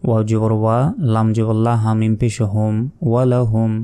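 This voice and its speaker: Patient man spelling out recitation slowly. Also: lowish voice, completely flat delivery, warm tone, smooth. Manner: patient, explanatory, spells letter by letter. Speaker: Quran reading teacher. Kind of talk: step-by-step spelling lesson with slow recitation.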